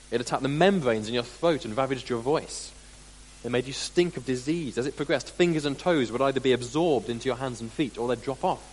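A man preaching a sermon as dramatic storytelling, deliberate and full of pauses, with sudden drops into quiet, in a large hall. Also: medium pitch. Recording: long hall reverb, faint hum.

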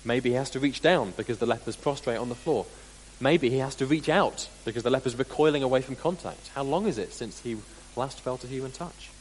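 A man preaching a sermon as dramatic storytelling, deliberate and full of pauses, with sudden drops into quiet, in a large hall. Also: mid-range voice. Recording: long hall reverb, faint hum.

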